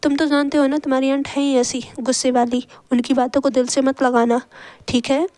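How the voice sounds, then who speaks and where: A woman's voice: sits high, flat delivery, brisk, mellow, no echo, lightly acted. A woman voicing a kind middle-aged father who speaks in a soothing, reassuring way in a story reading. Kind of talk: storytelling role voice.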